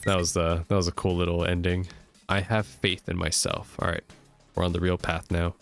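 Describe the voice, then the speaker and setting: A man's voice: low voice, little pitch movement, moderate pace, gravelly, soft background music. A man giving casual gaming commentary and reading story text aloud as he plays. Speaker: let's play streamer.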